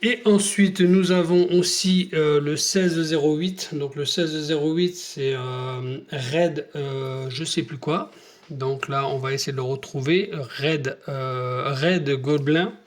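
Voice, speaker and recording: A man's voice: a little high, steady tone, slow. A man talking casually in a hobby vlog, hesitant and rambling with many fillers, showing paint tests to the camera. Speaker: scale model hobbyist.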